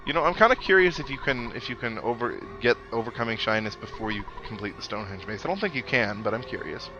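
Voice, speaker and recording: Fast-talking with lively intonation at a medium pitch, this man's recording has its highs cut off, with game music underneath. As host of a let's play series, he reads on-screen dialogue and adds wry, thoughtful asides casually.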